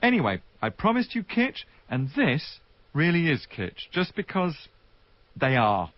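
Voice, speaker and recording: A man's voice: fairly high pitch, wildly swooping pitch, unhurried, no echo, muffled recording. A male radio presenter giving wry, sardonic commentary between archive clips. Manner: dry, sardonic wit.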